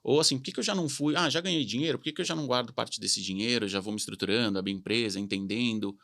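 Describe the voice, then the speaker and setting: Speaking with a Brazilian Portuguese accent, a company CEO in his thirties appears as a podcast guest in a casual interview, racing through candid stories laced with quoted dialogue. His voice is medium-pitched, gravelly and a bit bright, recorded cleanly in a studio without echo.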